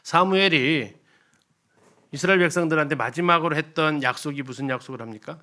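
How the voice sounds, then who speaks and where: A man leads a church Bible lecture in a bright, forceful voice pitched a little high. He explains things conversationally and keeps turning to the audience with rhetorical questions. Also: a little fast.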